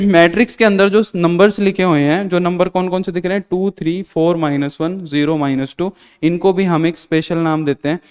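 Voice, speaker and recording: A man's voice: sits high, fairly even intonation, moderate pace, darkish tone, clean tone, in a large hall. A male maths teacher giving a live online lesson, drilling students with repeated questions and answers. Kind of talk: live online class lecture.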